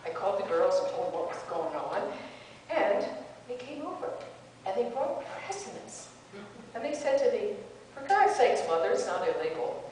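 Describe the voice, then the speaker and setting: A sing-song, medium-pitched voice, a little mellow and lightly acted, carries this theatrical monologue of an elderly woman sixty years married, told warmly and wryly at a moderate pace. The actress is on a stage in a hall, captured far from the mic amid echo and faint noise.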